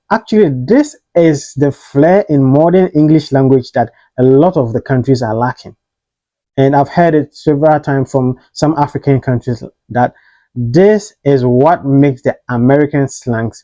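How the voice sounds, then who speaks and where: A man hosting a casual spoken pronunciation lesson, explaining patiently and repeating example words slowly for practice. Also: medium pitch, expressive, mellow, no echo, rough recording. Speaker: host.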